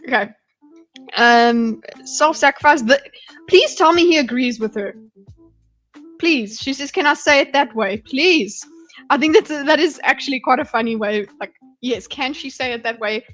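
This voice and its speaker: A woman with a voice that sits high and a fairly bright tone hosts a livestream at a moderate pace over soft background music. She reacts casually to a debate clip with blunt, exasperated, pleading asides and some swearing.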